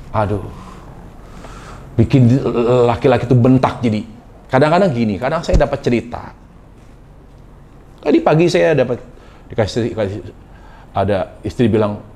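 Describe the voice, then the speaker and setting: A male Islamic preacher giving a sermon, animated, often jumping sharply higher in pitch and volume for emphasis. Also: a little hiss or hum.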